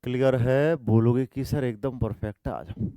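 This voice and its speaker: Male math teacher, call-and-response style, repetitive, smooth clear voice, dry close sound. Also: medium pitch, normal speed, dark tone, dry recording. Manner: repetitive call-and-response, puts answers in students' mouths; affectionate coaxing, calls students 'my dear brother'. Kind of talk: online exam-prep math lesson.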